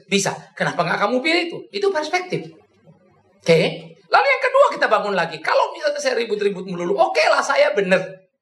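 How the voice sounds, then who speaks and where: Man, preacher, sermon, lively pitch, soft then loud, echoey church. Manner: animated, jumps between soft and loud; jokes and acts out his own past quarrels.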